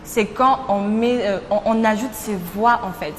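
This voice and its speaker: A young woman from Congo hosts a casual TV chat show in a studio, playful and chatty and laughing at herself. Her medium-pitched voice is measured and fairly even. Long reverb, faint ambience and a little hiss or hum color the recording.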